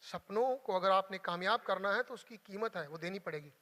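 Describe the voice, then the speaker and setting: A man's voice: high voice, fairly quick, pushed and bright. A young adult man giving an emotional motivational talk, telling a personal story with earnest repetition for emphasis. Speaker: motivational speaker. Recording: hall reverb.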